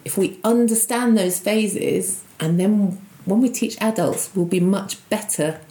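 A woman's voice: medium pitch, unhurried, echoey room, low-quality recording. A woman who trains ski instructors, talking earnestly as a podcast guest, telling stories and explaining ideas. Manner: earnest, storytelling, animated when quoting. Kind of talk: casual interview chat.

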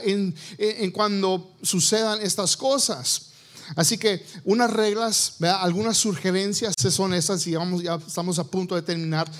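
A man's voice: sits high, a bit bright. A male pastor preaching a sermon on marriage, playfully acting out quoted husbands and wives. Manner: playful, acts out quoted spouses.

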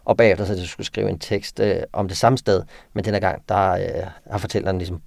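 A man's voice: sits low, steady tone, gravelly, a little mellow, no echo, clean studio sound. A man with a Danish accent who teaches writing to children. He talks hesitantly with many fillers and reads his students' stories aloud. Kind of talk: interview talk and reading student texts aloud.

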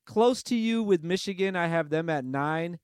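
A man's voice: on the high side, lively intonation, clean tone, no echo, clean studio sound. A man hosting a sports podcast in casual, chatty talk, self-deprecating and easygoing. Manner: chatty, self-deprecating, quick to change his mind. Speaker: podcast host.

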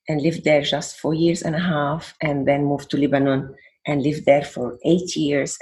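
An older woman with a Venezuelan accent speaks as a guest counselor in an interview conversation. Her extremely low voice sounds warm and reflective, and at times she searches for words.

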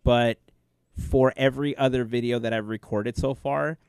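A man's voice: mid-range voice, steady tone, moderate pace, a little mellow, smooth, no echo. A man co-hosting a casual podcast chat, explaining his gaming experience earnestly and at length. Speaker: podcast co-host and gameplay video creator.

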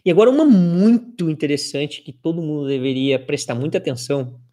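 A woman's voice: deep voice, brisk, dark tone. A woman teaching English pronunciation in a casual spoken lesson, drilling word pairs and adding laughing asides. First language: Brazilian Portuguese.

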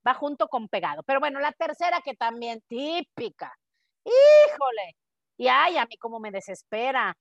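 A Mexican woman co-hosting a podcast, chatting in an animated way and acting out quoted dialogue. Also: on the high side, a little fast, gravelly, few pauses, dry recording, lo-fi sound. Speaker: podcast co-host. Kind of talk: casual podcast chat.

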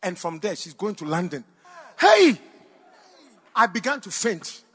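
A middle-aged Ghanaian man, a pastor, preaching a storytelling sermon that swings between hushed moments and loud outbursts as he speaks to the congregation. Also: high-pitched, brisk, breathy edge. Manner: animated, swings from hushed to shouting, addresses the audience directly.

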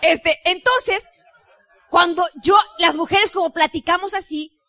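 A woman with a Mexican accent delivers a motivational talk on leading a sales team. Her voice sits high and bright, and she keeps turning to the audience in a chatty, lively way. The sound is dry and close. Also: a little slow, no room sound. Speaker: network marketing leader.

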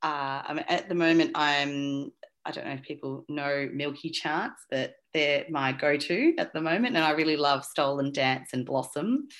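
A woman's voice: low voice, normal speed, fairly bright tone. A woman, an interview guest who talks casually with many fillers and restarts. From Australia. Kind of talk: conversational interview.

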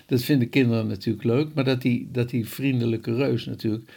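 A man's voice: medium pitch, fairly even intonation, fairly quick, creaky, dark tone, slightly rough. An older man, a guest on a talk show, chats hesitantly and often restarts his sentences. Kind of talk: casual chat.

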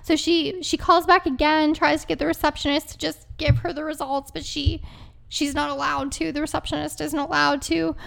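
A woman's voice: high voice, flat delivery, moderate pace, vocal fry, fairly bright tone. A woman co-hosting a podcast, casually recapping a TV episode in a chatty way with lots of ums and small laughs. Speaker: podcast co-host.

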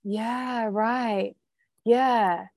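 A woman coach on an informal group call, listening actively with encouraging acknowledgements and prompts in a halting, conversational way. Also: a little high, steady tone, a little mellow. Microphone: online group video call.

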